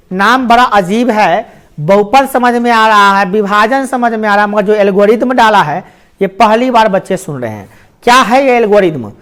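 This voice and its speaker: A woman teacher with a Bihari Hindi accent runs her classroom by calling questions out to the students. Her pitch rises and falls freely as she leads them along step by step. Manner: animated call-and-response questioning of students. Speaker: maths teacher. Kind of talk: classroom maths lesson. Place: classroom with a board.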